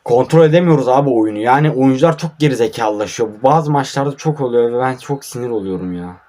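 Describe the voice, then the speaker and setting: A man's voice: medium pitch, fast, dark tone. A young man talks over his own football game at night with a mid-range voice. He sounds sleepy and grumbles through the play, flaring up in irritation at his own players. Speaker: mobile football gamer. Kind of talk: casual live gameplay commentary. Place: at home at night.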